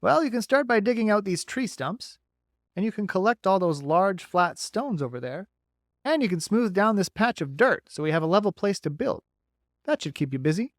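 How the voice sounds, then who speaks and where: A man performs an audiobook character, a talkative, friendly male beaver keen on folksy advice, raising his voice so it sits high and sounds animated. He keeps a moderate pace, and the clean studio sound has no room echo.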